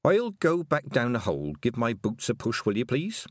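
A man voicing a practical, determined young girl who speaks briskly and matter-of-factly. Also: mid-range voice, huge pitch swings, no room sound, studio quality.

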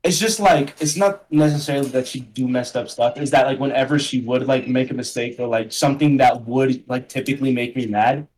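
A man's voice: mid-range voice, fairly even intonation, fairly quick, few pauses, a little mellow, slightly rough, poor audio. A young man chatting casually as a podcast guest, rambling in slang and filling his talk with "like" and "bro". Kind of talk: casual chat.

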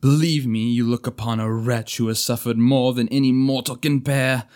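A man's voice: mid-range voice, steady tone, moderate pace, darkish tone, voice pushed up, close to an everyday voice. A man reading aloud, voicing a tormented young knight who begs to be freed, his pleading rising toward shrieks.

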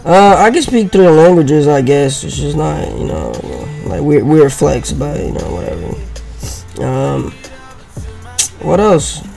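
A man's voice: on the high side, sing-song, slow pace, gravelly, music in the background. A young man from Brazil talking like a frat bro in slangy, sweary, casual podcast chat. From Brazil, South America. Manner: frat-bro talk, heavy swearing, "bro" and "you know" tags. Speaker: podcast host.

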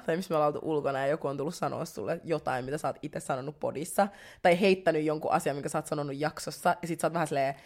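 A young woman talks casually on a podcast in a low voice. Her pitch rises and falls a lot as she tells her stories. She moves between Finnish and quick English phrases. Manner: mixes Finnish with English phrases, animated quoting. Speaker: podcast co-host.

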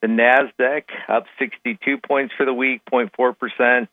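A man giving conversational market commentary as a radio analyst, talking in a halting way with frequent verbal hedges. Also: mid-range voice, flat delivery, no room sound. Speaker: financial market analyst guest on a radio show. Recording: tinny, narrow phone-like line.

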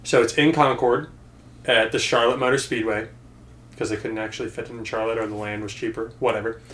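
A man hosting a casual podcast chat, playful and quick to tease his guest. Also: mid-range voice, flat delivery, fairly bright tone. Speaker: podcast host.

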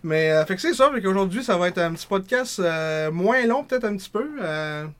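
A man's voice: sits high, expressive, fairly quick, a bit bright, clean tone. A man with a Quebec French accent co-hosting a podcast in casual, joking, hesitant conversation. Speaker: podcast co-host. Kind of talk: casual chat.

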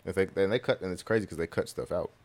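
A man's voice: low voice, fast talker, darkish tone. A young man from North Carolina co-hosting a casual podcast, joking around, rambling, and asking his co-host lots of questions. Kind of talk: casual chat.

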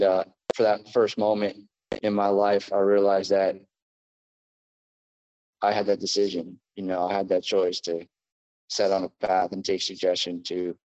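A deep-voiced American man talks in front of an audience, giving personal testimony. His delivery stays fairly flat and unadorned, with halting phrases. The recording is dull and lo-fi. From New Jersey, United States. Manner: addressing a live group, plainspoken, halting. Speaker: speaker at a recovery meeting.

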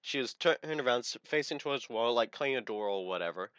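A man's voice: mid-range voice, expressive, quick pace, a bit bright, clean tone, dry recording, highs cut off. A young man co-hosting a casual chat show, brash and crude, laughing often as he tells stories. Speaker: podcast co-host.

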